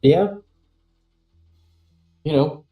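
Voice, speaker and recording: A man's voice: on the high side, drawn-out words, reverberant, highs cut off, faint music behind. A man co-hosting a casual podcast with his brother, telling dry, joking stories. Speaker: podcast co-host. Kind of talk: casual chat between brothers.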